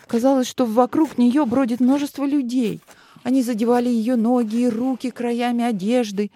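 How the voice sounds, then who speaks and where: Expressive woman narrating a fantasy audiobook. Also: fairly high pitch, dry recording, clean studio sound.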